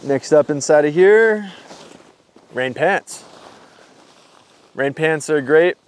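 His voice is a little high, smooth, and slow-paced. A young hiking vlogger, he casually walks through his hiking gear on camera, rambling loosely with many fillers in a relaxed explaining style, recorded on a camera mic.

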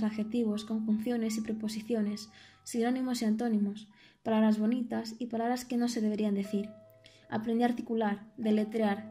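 A woman reading an audiobook, in a measured storytelling manner. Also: a little high, dark tone. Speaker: audiobook narrator. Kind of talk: scripted audiobook narration.

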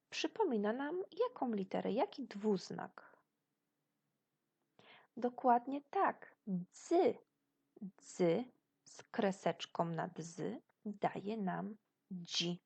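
Polish woman teacher, slow and gravelly, patient lesson for small children. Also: medium pitch, a little mellow. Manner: praises pupils' imagined answers. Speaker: primary school teacher. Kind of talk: recorded video lesson for children.

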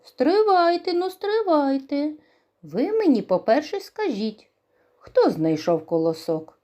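A woman's voice: very animated, takes it slowly, full character voice. A woman voicing a hardworking little rooster in a children's storybook tale. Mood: stern. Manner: high calling shouts.

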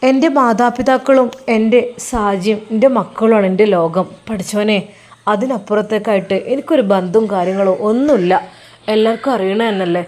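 A woman voicing a hurt, sincere young husband who pleads softly in a spoken story. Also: mid-range voice, moderate pace, lightly acted. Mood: sorrowful.

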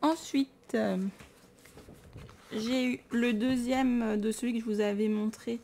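A woman's voice: fairly high pitch, steady tone, slow pace, darkish tone. French woman vlogging, tired but gushing, chatty and self-mocking. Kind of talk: casual chat, showing books.

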